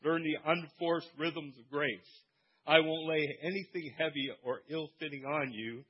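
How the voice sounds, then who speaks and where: A man preaches a lively sermon, his voice a touch high and husky. He moves from quiet asides to shouted calls. The recording sounds dull and muffled. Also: measured pace. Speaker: pastor.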